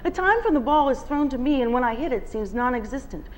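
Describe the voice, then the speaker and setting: Her voice is high with lively intonation and a quick pace as she reads a first-person novel with feeling to a bookstore audience. She's a guest reader, and the audio is poor, with slight background noise.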